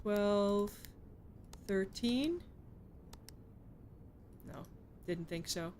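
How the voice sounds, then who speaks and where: A woman's voice: mid-range voice, expressive, very slow, darkish tone, slight background noise. A woman streamer commentating a puzzle game live, swearing and pleading in frustration.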